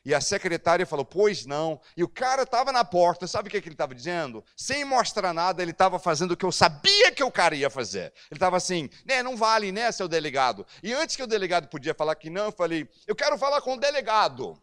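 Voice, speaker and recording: A man's voice: high voice, fast talker, few pauses. A man preaching as pastor, telling a personal story and acting out the dialogue. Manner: animated, acts out dialogue. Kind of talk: storytelling sermon.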